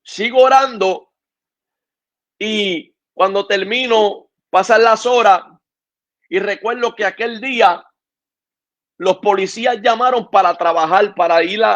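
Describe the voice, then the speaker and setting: Gravelly man giving testimony. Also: sits high, fairly bright tone. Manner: earnest storytelling, then preachy appeals to listeners. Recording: dull lo-fi radio audio.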